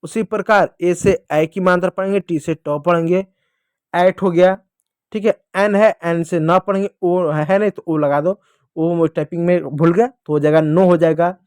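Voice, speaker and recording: A man teaching English to children, slowly drawing out spelling drills and prompting the kids to repeat. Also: sits high, fairly even intonation, darkish tone, clear, resonant tone, dry recording, studio quality. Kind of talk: classroom-style teaching lesson.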